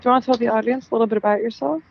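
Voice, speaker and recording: A woman's voice: fairly high pitch, fairly even intonation, very fast, gravelly, lo-fi sound, a little hiss or hum. Laid-back slangy woman co-host. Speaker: podcast co-host. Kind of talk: casual chat.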